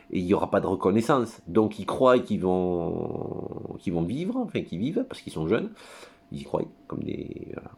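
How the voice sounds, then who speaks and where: A man with a very low voice talks on his own in front of his computer. His monologue is rambling and crude. He hesitates often, stumbles over fillers and wanders off into tangents. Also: darkish tone, a little hiss or hum. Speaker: commentator.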